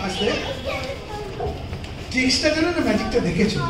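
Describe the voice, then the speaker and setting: Middle-aged magician guy doing showy patter for a crowd, high lively voice, far off in a super echoey hall. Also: a little fast. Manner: showy, mixes English counting and patter into Bengali. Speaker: stage magician. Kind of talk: live magic show patter to an audience. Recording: distant, echoey room with crowd noise.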